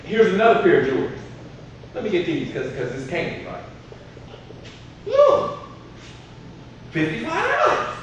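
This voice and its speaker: A man speaks to a live audience with a high, lively voice that swings all over the place. He tells his stories with animated humor and laughs often. He sounds far from the microphone in a very echoey hall, with clear noise behind him. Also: brisk. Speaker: motivational speaker. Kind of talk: humorous storytelling speech to an audience.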